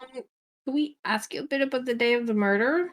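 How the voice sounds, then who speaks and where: A woman's voice: sits high, a little fast. A woman co-streamer chatting casually and practically while playing a game.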